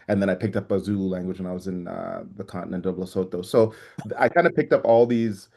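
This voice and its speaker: A man raised in East Africa and Canada, a native speaker of a Ugandan language, appears as a podcast guest and works as a track coach. He reflects casually in circling phrases. His voice is deep, creaky and darkish, and he talks fast.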